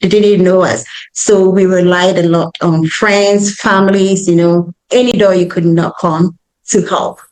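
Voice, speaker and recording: A woman's voice: fairly low pitch, fairly even intonation, unhurried, darkish tone, poor audio. A woman with a West African, Ghanaian accent, answering interview questions earnestly and emphatically, often checking in with "right?". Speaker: school founder, interview guest.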